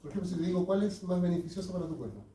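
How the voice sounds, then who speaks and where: A man's voice: sits high, expressive, rapid-fire, dark tone, slight background noise. A man teaching a class, often checking in with his students. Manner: asks students frequent check-in questions. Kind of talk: classroom lecture. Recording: echoey classroom from far off.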